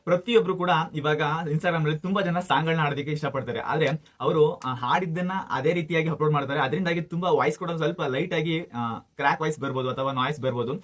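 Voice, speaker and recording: A man with a slightly high voice talks fast while hosting a casual how-to video, speaking directly to viewers and often checking that they follow along.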